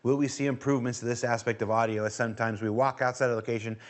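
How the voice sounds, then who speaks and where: A man's voice: medium pitch, fairly even intonation, very fast. Stammering chatty male host. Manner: chatty, stammers and repeats words. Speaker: livestream host. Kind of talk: casual panel chat.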